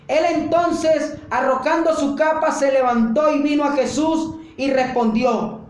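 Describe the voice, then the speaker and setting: A woman's voice: sits high, fairly even intonation, measured pace. A woman preaching a fervent sermon, driving her points home with rhythmic, repeated phrases. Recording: very echoey room.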